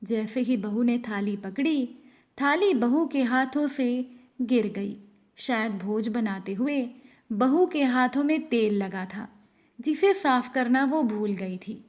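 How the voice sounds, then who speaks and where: A woman narrating a devotional moral story, gently addressing her listeners. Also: on the high side, lively intonation. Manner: slow, gentle addressing of the congregation.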